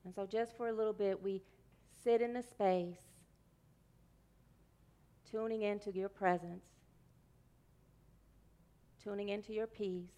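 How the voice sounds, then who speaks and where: A woman minister leading a congregation in prayer and guided meditation, speaking slowly and soothingly. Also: mid-range voice, fairly even intonation. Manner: slow, soothing, gentle. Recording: music playing behind the voice.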